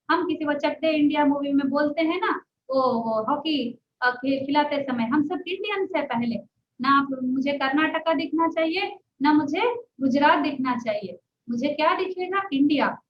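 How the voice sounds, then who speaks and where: A woman's voice: high voice, a little hiss or hum. A woman teaching pronunciation, patiently repeating and drawing out sounds and checking that her listeners follow. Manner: patient, repeats sounds slowly, asks "है ना?" often. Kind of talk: spoken lesson, explaining and demonstrating sounds. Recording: echoey, distant, dull lo-fi sound.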